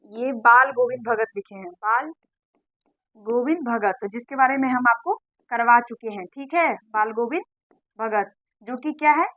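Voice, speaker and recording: Woman teacher, high voice, dry close sound, drills exam answers by repetition. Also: a bit bright, no echo, muffled recording. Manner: repeats questions and answers to drill points. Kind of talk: exam-prep lesson.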